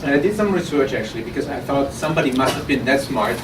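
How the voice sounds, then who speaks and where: Speaking quickly and expressively, a man with an Austrian German accent delivers a live startup pitch to an audience in a conference room at an innovation event. His talk is conversational, full of restarted sentences and repeated words. The recording is roomy, distant and noisy.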